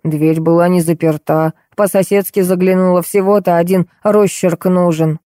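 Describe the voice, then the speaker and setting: A woman reads a stout, pushy middle-aged woman neighbour in a hoarse voice, set lower than the narration. The tone is dark and dry. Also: fairly even intonation, normal speed, no echo, close to an everyday voice. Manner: rattling, pushy.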